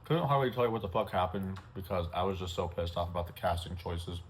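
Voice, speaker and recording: A man's voice: sits low, animated, fast talker, slight background noise. A young man, chatting candidly and rambling while he eats, swearing freely. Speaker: mukbang vlogger. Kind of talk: casual chat while eating.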